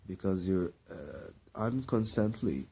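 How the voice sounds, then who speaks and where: A young man from Kuwait talks through a rambling personal monologue in a very low, gravelly voice with a husky edge. He stops and restarts often and repeats his words as he goes. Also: animated, slow pace, mellow. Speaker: vlogger.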